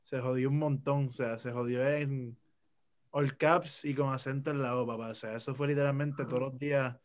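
A man's voice: medium pitch, steady tone, normal speed. A young man with a Puerto Rican accent talking enthusiastically in a casual podcast chat, teasing his friends. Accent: Puerto Rican Spanish. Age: young adult. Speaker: podcast guest.

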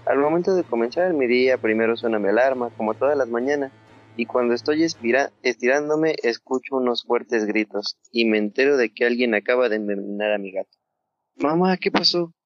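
A man's voice: medium pitch, fairly quick, no room sound, faint music behind. Mexican guy reading out a listener story, casual and sweary, dry dull lo-fi sound. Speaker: podcast host.

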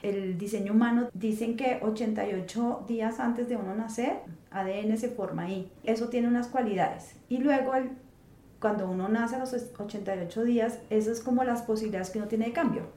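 A woman guest in a casual interview, telling personal stories in an animated way and often acting out what others said. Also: a little high, fairly quick. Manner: animated storyteller, quotes others in voices. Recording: echoey room with faint background noise.

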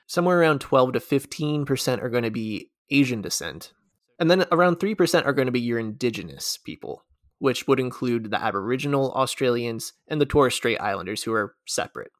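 A man's voice: mid-range voice, brisk, no room sound. American man explaining facts, dry close mic. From United States. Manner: lively, fact-heavy, leads the segments. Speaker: podcast co-host. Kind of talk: casual explainer chat.

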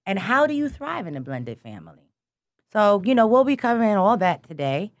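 A woman hosting a casual talk show, stretching out words as she raves about food. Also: mid-range voice. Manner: lively, drawn-out food praise. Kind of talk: casual chat.

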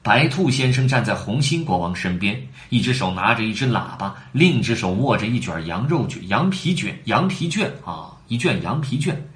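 Animated man reading a story to kids. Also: on the low side, normal speed, few pauses. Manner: animated, talking to the children between lines. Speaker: storyteller for children. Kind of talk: reading a children's story aloud.

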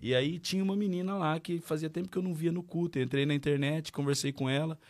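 A man's voice: a little high, fast talker. Brazilian man telling his story. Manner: lively storyteller acting out dialogue. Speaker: guest. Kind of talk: casual testimony.

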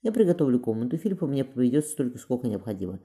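A man's voice: medium pitch, very animated, racing, mellow, close to an everyday voice. A man reading a resolute young heroine. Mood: firm. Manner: firm, determined. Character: resolute young woman, strong-willed heroine.

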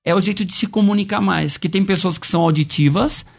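High-voiced emphatic Brazilian bishop. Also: male voice, fast talker, gravelly. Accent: Brazilian Portuguese. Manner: emphatic, preacher-like repetition. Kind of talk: debate on worship.

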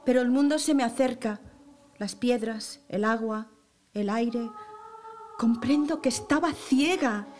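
A condemned young heroine who has made peace with her fate, acted by a woman for a radio drama. Her voice sits a little high, soft and reflective, and faint music plays behind her. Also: unhurried, lightly acted. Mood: wistful.

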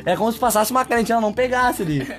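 Young man, podcast host, high pitched, rapid, animated storyteller, faint music. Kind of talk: casual podcast chat.

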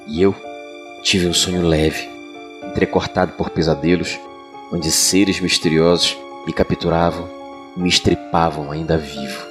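Deep, sultry Brazilian male storyteller over music. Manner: sultry, deliberate storytelling delivery. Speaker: podcast storyteller and host. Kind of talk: dramatic scripted horror narration. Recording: music bed behind voice. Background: background music.

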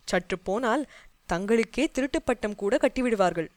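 A woman voicing a bold young male warrior envoy who speaks in rapid, defiant outbursts. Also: fairly high pitch, animated, darkish tone, dry recording, pitched above the performer's own voice, natural voice. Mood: indignant.

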